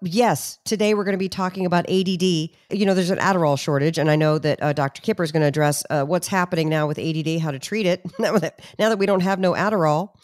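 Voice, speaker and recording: A female podcast co-host with a slightly low voice. She chats casually and informally, asking questions and introducing topics. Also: steady tone, fast, hardly any pauses, darkish tone. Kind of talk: casual chat.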